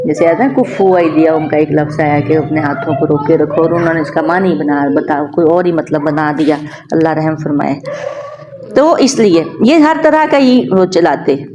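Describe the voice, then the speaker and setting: A woman teaching a Quran tafsir lesson, explaining verses with animated emphasis and soft laughs. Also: sits low, dull audio, noisy background.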